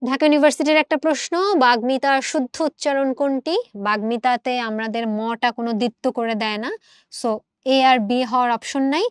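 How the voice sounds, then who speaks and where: A woman's voice: high-pitched, steady tone, normal speed, clean tone, dry recording. Woman teacher, exam prep lecture, demonstrates words aloud, dry close sound. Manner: explains step by step, repeats words to demonstrate pronunciation.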